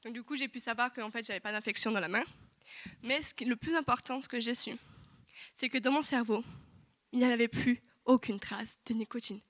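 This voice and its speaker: A young woman giving a lively, chatty testimony in church, full of asides to the congregation. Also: a little high, a little fast. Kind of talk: sermon testimony. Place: church hall.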